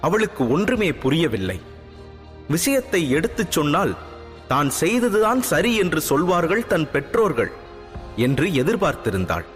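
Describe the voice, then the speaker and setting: A man narrating a story in a lively, animated scripted manner. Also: a little high, normal speed. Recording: long hall reverb, faint music.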